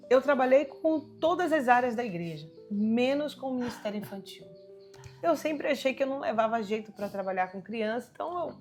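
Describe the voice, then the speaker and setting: A woman's voice: medium pitch, darkish tone. Woman missionary, earnest testimony, mid-range voice, re-enacts what others said. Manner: earnest storytelling; acts out remembered dialogue. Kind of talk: personal testimony.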